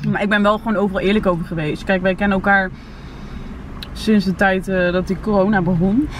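A woman's voice: medium pitch, fairly even intonation, brisk. A young woman, a reality TV contestant, chatting candidly and bluntly as a guest. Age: young adult. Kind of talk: casual chat. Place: inside a parked car. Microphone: camera on the dashboard. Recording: distant mic in car, faint hum.

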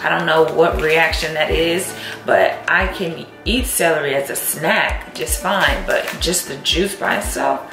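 A young woman chatting casually as she makes a morning smoothie in her home kitchen, filmed on a camera set on the counter. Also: sits low, measured pace. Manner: chatty, relaxed, talks while cooking. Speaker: vlogger. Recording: echoey kitchen with loud music.

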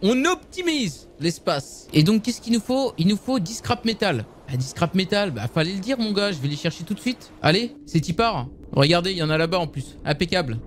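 A young man casually commenting on a survival game for his viewers, excitable and swearing often. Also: high-pitched, brisk, few pauses, slight background noise. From France. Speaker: gaming youtuber.

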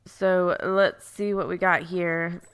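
A let's play host with a stuffy, congested voice chats casually while playing a farming game, thinking out loud and correcting herself. Her voice is fairly low, clear and resonant, with fairly even intonation and a slow pace.

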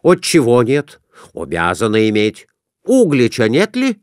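A man doing a loud, folksy rustic merchant. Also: mid-range voice, wildly swooping pitch, a little slow, no echo, clean studio sound. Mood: rowdy.

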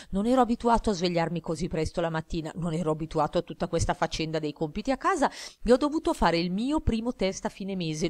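A woman narrating an audiobook in a measured, expressive reading style. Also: on the low side, no echo. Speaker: audiobook reader. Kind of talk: scripted narration.

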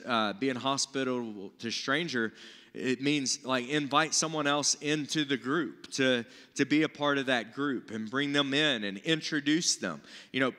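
This pastor, a man in his forties, speaks from the stage of a large church hall to a seated crowd, and the sound echoes around the room. He has a sharp-toned, mid-range voice and teaches the Bible earnestly, informally, almost like a chat.

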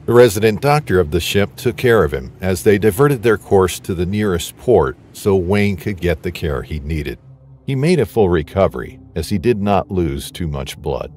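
A man giving scripted narration in a steady, dramatic storytelling manner. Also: sits low, slight background noise.

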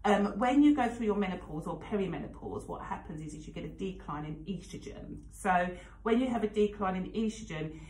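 A woman's voice: medium pitch, expressive, fairly quick, darkish tone, reverberant, rough recording. A woman in her forties presenting on the radio, chatting frankly with plenty of fillers and asides. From England. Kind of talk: casual radio chat. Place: radio studio. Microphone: studio microphone.

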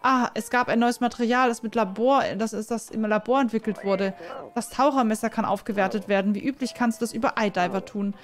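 A woman reading out an upbeat male scientist's lines in a slightly lifted, brisk and encouraging voice. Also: on the high side, steady tone, close to an everyday voice.

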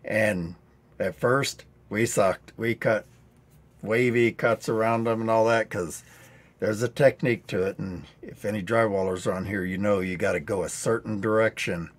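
In his sixties, this DIY channel host runs a live training stream from an indoor studio set, rambling through tricks with dry humor into a headset mic. His lowish voice is getting hoarse, with fairly even intonation and a normal speaking speed.

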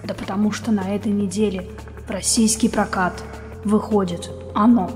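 A woman presenting a regular book segment, putting on a deliberately scary, lowered voice. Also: fairly even intonation, a little mellow, big-room sound, faint music behind.

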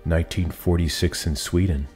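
A middle-aged man giving steady, measured scripted narration as a YouTube host, recorded in an indoor studio room facing a desk camera. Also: sits low, soft background music.

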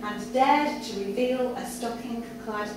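A woman with a high voice slowly reads a story at a live literary event held in a cafe bar with a small audience. She sounds distant, captured by a far camera in a heavily reverberant room full of audience ambience and background noise.

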